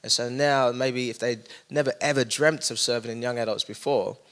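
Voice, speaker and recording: Energetic East London man, chatty pastor. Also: medium pitch, normal speed, clean tone. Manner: energetic, animated storytelling with many fillers. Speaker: young adults pastor. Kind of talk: casual conversational interview.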